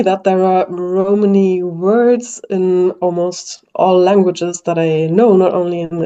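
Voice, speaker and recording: A German-speaking linguist with a German accent answers interview questions thoughtfully, her fairly low voice sounding mellow. She uses many fillers and restarts. The recording sounds dull and lo-fi.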